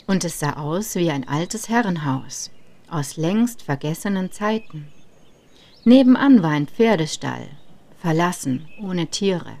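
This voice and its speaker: A woman in her thirties tells her own travel story in the first person. Her voice sits somewhat low, and she narrates in a calm, reflective manner. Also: a little hiss or hum. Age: 30s. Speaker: podcast narrator.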